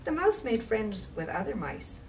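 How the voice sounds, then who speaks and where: With a voice on the high side, a library storytime reader delivers a rhyming children's story to young listeners, slow, deliberate and expressive, plus casual asides. Faint background noise comes through on the distant mic.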